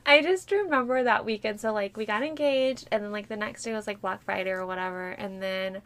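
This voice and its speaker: A woman in her thirties telling a story in casual chat, animated, swearing freely and often breaking into laughter. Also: medium pitch, fairly quick. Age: 30s. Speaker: friend recounting her engagement.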